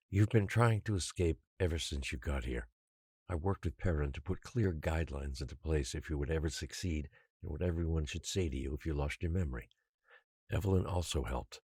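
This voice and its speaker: In an audio drama, an actor plays a patient, controlling guardian who secretly rules an island, speaking in a measured, quietly menacing way. His bass voice is slightly rough and comes across calm and controlling. The recording is dry and studio quality.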